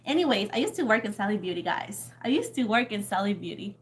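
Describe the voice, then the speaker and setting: With a medium-pitched voice, big pitch swings and a quick pace, a young tarot reader from Puerto Rico chats casually with her livestream audience. She speaks with a Puerto Rican accent, rambling, laughing a lot and swearing casually.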